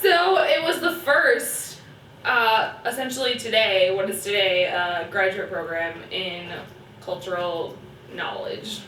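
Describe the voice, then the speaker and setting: A woman rambling through a mock-history account in a meandering, halting way, restarting her sentences. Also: mid-range voice, bright, forceful tone, far from the mic, slight background noise. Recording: roomy, off-mic.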